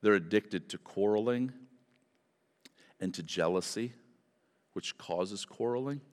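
A man's voice: fairly low pitch, unhurried. A man preaching a sermon at a pulpit microphone, emphatic, with repeated phrases and rhetorical questions. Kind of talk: sermon to a congregation. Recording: reverberant hall.

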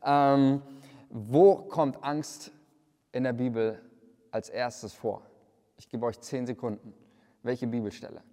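A man's voice: mid-range voice, fairly even intonation, slow pace, pauses often, dark tone, big-room sound. A man preaching a livestreamed sermon, earnest, often repeating words and restarting his sentences. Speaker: pastor.

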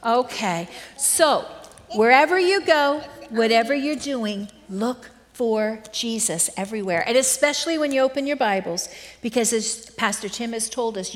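A woman giving a children's message during a church service, talking gently and quizzing the kids. Her voice is somewhat high and very unhurried. The sound carries a long church reverb. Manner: slow, gentle, asking children questions. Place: church sanctuary.

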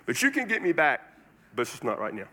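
A man's voice: fairly high pitch, huge pitch swings, fast talker, pushed and bright. Folksy Texan man preaching. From Texas. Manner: folksy, conversational preaching with colloquialisms. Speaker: pastor. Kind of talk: sermon.

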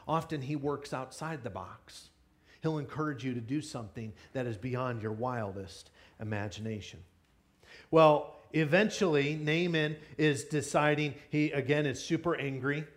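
A man giving a lively children's sermon, asking the kids questions and joking with them. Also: on the high side. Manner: energetic, playful, asks the kids questions. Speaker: children's pastor. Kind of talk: kids' sermon with audience interaction.

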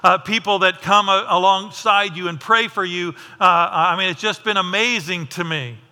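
A pastor with a high, bright voice preaches a conversational sermon at a normal pace, his tone forceful as it fills a large hall. He keeps asking his congregation questions.

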